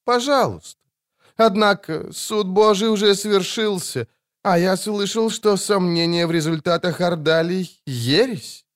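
A man voicing a calm, ironic male barber who talks politely and without hurry. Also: high-pitched, pitched above the performer's own voice. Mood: cold polite. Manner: cool, polite and unhurried.

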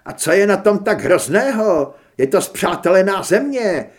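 A flustered, defensive gossip from a storybook, as a male narrator puts him on. His voice rises in protest with a lively pitch. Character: flustered gossiping middle-aged man.

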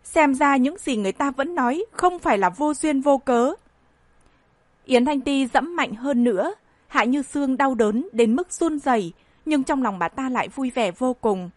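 A woman narrating a novel as an audiobook in a steady storytelling manner. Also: high voice, moderate pace, dry recording.

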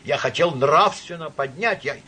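A man's voice: sits high, animated, fairly quick, vocal fry, pushed and bright, breathy edge, voice pushed up, exaggerated voice. A man doing a stammering drunk old general. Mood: pleading. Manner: stammering, pleading, repeats himself. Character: flustered drunk older male general.

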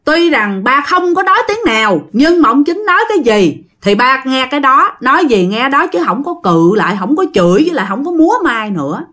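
A woman with a Southern Vietnamese accent tells a ghost story in a relaxed, chatty way, turning to her listeners as she goes. Her voice sits a little high and swoops widely up and down. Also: a little fast, hardly any pauses. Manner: chatty, addresses listeners directly, acts out quoted speech. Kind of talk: casual spoken ghost story narration.

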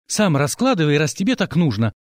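A man's voice: a little high, very animated, brisk, no echo, studio quality. A man voicing a stubborn, defiant young woman reporter who argues back in an audiobook. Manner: indignant, argumentative. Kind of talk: audiobook character voice.

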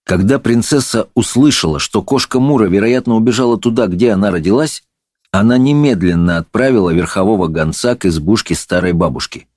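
Expressive male fairy-tale narrator. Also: on the low side, fairly quick, no room sound. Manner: lively, expressive reading. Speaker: storyteller. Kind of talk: audiobook narration.

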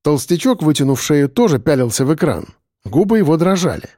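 A man narrating an audiobook in the first person, calm and steady. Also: fairly high pitch, a little fast, no echo, clean studio sound.

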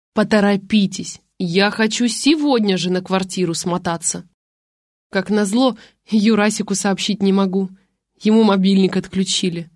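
A woman reading an audiobook voices a greedy young wife who squeals with excitement. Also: medium pitch, no echo, clean studio sound, natural voice. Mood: eager. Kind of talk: audiobook character voice.

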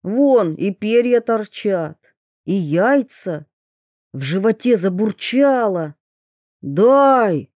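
Measured female audiobook reader for a dark fairy tale, slow and warm. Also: medium pitch, expressive, dry recording, clean studio sound. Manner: measured, storytelling. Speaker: audiobook narrator.

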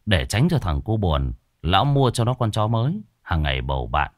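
A man narrating a village ghost story in a slow, dramatic, folksy way. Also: on the low side, very animated, dry recording, clean studio sound. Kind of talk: spoken horror story narration.

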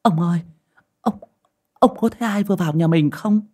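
A fussy older village woman , put on by a male narrator, exclaims in a raised, loud voice. She fusses and frets, then stammers when frightened. The tone has a husky edge in a storybook telling. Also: sits high, big pitch swings, moderate pace, pitched above the performer's own voice, full character voice. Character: flustered older village woman, fussing and fearful.

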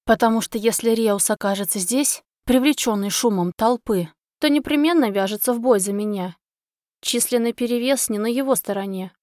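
A woman narrating a first-person storybook in a lively, expressive manner. Her voice sits somewhat high. The recording is dry and close, with no room sound. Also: moderate pace, no echo. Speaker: audiobook narrator.

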